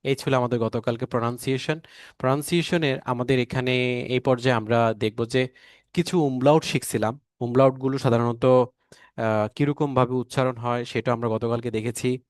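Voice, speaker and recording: A man's voice: medium pitch, fairly even intonation, normal speed, no echo, clean studio sound. A man with a Bangladeshi Bengali accent teaching an online language lesson, repeating each word several times with many fillers.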